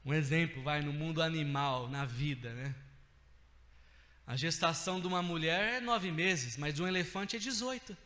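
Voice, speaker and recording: A man with a Brazilian Portuguese accent preaching a sermon, animated and rising to emphatic outbursts. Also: fairly high pitch, moderate pace, big-room sound.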